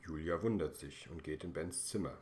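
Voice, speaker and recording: A man reading a children's story aloud, calm and measured with gentle expression. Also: very deep voice.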